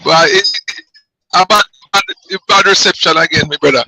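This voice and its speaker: A male caller on a phone-in show, speaking haltingly and repeating words while his line breaks up with bad reception. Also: on the high side, gravelly, pushed and bright, slightly rough, poor audio. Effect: call breaking up with bad reception. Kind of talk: phone-in discussion.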